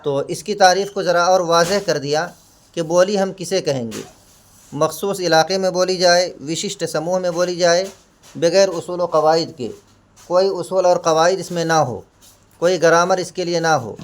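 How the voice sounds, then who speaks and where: Man teaching in a fairly high voice. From India. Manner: repeats and asks himself questions, then answers them; explains each term with Hindi and English equivalents. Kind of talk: exam-prep lecture.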